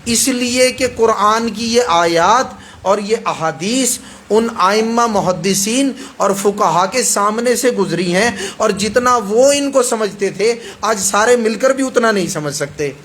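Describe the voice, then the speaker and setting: A man's voice: sits high, expressive, a bit bright, a little hiss or hum. A male preacher with a Pakistani Urdu accent gives a hadith sermon in an emphatic way, repeating phrases and checking that the audience agrees.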